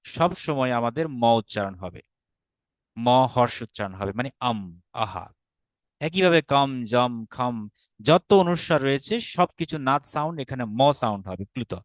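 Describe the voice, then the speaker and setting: Bangladeshi man, online teacher, patient, mid pitch, dry close sound; keeps checking in with students. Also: fairly bright tone, no room sound. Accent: Bangladeshi Bengali. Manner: patient, checks understanding often. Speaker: Sanskrit teacher. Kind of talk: online grammar class.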